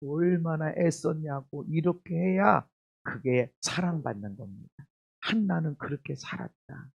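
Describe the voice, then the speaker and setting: Raspy high-voiced male pastor preaching. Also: highs cut off. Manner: animated preaching that swings from loud exclamations to quiet asides; asks the congregation direct questions. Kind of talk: sermon. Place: church service.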